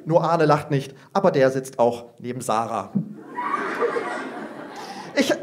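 A man performing a comic first-person story at a poetry slam as a teacher, told in a lively, animated way. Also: medium pitch, normal speed, very noisy.

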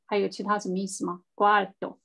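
A woman's voice: mid-range voice, little pitch movement, fairly quick, creaky, a bit bright. A woman teaching a language class over a video call, patiently correcting pronunciation and explaining words step by step. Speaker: Spanish teacher.

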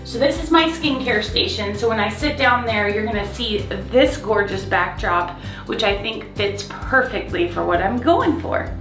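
A chatty, enthusiastic vlogger in her forties from Florida gives a casual tour of her small indoor home office, holding the camera at arm's length. Her mid-range voice is animated and moderately paced, with music playing in the background.

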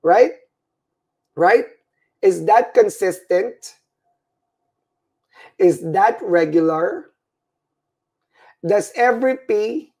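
A high-sitting, creaky, darkish voice, slightly rough, belongs to a middle-aged Filipino nursing instructor giving an EKG lecture by webcam livestream. English is his second language, and he sounds tired, repeating himself and asking "right?" and "all right?" to check in.

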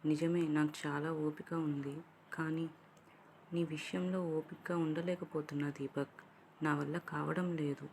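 A woman voicing a heartbroken young woman in love, confessing her feelings in an emotional, soft-spoken way. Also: deep voice, steady tone, unhurried, vocal fry, slight background noise.

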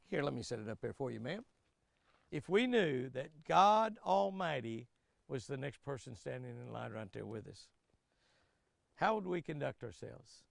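Gravelly older man. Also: mid-range voice, no echo, clean studio sound. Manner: folksy, chatty, lively, laughs often. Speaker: devotional host and fishing guide. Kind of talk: folksy daily devotional reading. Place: outdoors by a flowering tree.

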